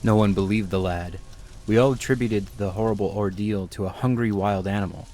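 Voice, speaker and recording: A man narrating a horror game as a grim villager, speaking in a measured, solemn way. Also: lowish voice, fairly even intonation, dark tone, slight background noise, natural voice. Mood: grave.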